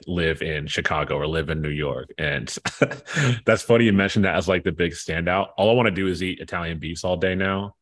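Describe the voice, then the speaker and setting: A deep-voiced man hosts a podcast in easy, casual chat. He sounds laid-back and drops in plenty of filler sounds between his thoughts. His low voice anchors the conversation. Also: fairly bright tone. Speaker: podcast host.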